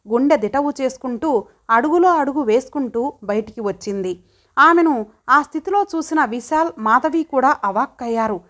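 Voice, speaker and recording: A woman narrating an audiobook story in an expressive, dramatic way. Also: sits high.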